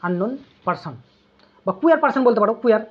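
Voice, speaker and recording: A tutor runs an exam-prep English lesson, drilling word meanings and spellings. The voice is husky and breathy. The tutor keeps posing questions, answers them, and checks in after every point, all on a muffled, lo-fi recording. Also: medium pitch, animated, fast talker. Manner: drills terms with constant "okay?" check-ins; asks students questions, then answers them.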